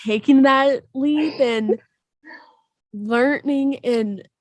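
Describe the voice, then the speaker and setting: A woman chatting on a podcast while getting over a cold. She speaks very slowly, stretching her phrases out with pauses. Her voice comes through a close, dry microphone with no room sound. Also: high voice, dry recording. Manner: slow, drawn-out talk with frequent pauses. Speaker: podcast co-host. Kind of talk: casual chat.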